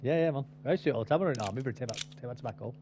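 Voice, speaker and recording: A man rattles along at a brisk pace in easygoing gaming chatter. He's laid-back and chatty, with a mild swear word here and there. A light hiss sits underneath his voice. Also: mid-range voice, animated, darkish tone. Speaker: gamer. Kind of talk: casual chat while gaming.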